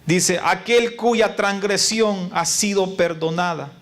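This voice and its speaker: A man's voice: sits high, slow pace, a bit bright. A male pastor preaching a sermon in a church, often turning to the congregation with questions and reciting lists of word meanings. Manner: preaching with call and response to the congregation. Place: church sanctuary. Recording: noisy church recording.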